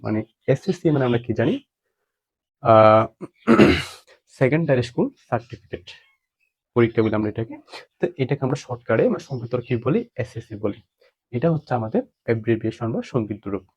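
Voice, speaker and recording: A man's voice: medium pitch, expressive, a little fast, long pauses, husky. A man teaching a grammar lesson, asking questions and answering them himself.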